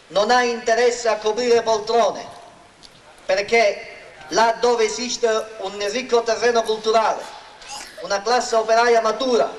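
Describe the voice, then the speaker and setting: A man giving a formal, oratorical political speech at a rally, declaiming to a public square. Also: high voice. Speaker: local party politician introducing a candidate. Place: outdoor town square rally. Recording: roomy, distant mic, faint noise.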